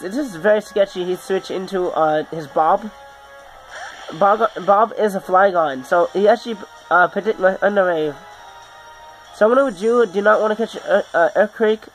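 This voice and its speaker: A man who is sick, hosting his gaming channel and giving halting, self-correcting video game commentary over faint background music. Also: high voice, rough recording. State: sick, under the weather.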